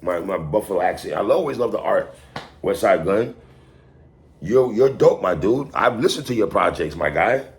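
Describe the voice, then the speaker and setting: Speaking at a moderate pace with lively intonation, a lowish-voiced man with a New York accent gives his opinions on a hip hop album. He's slangy, emphatic and repetitive, talking directly to the artist like they're in the room. He hails from New York City.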